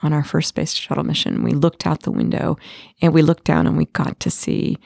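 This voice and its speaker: Creaky low-voiced woman. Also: little pitch movement, fairly quick, darkish tone, no room sound, studio quality. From Massachusetts. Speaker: retired astronaut guest. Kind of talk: casual storytelling interview.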